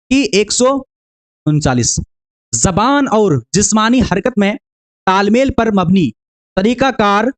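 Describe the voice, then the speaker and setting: A man teaching an exam-prep lesson step by step, asking rhetorical questions, answering them himself, and often addressing viewers as dear friends. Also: high-pitched.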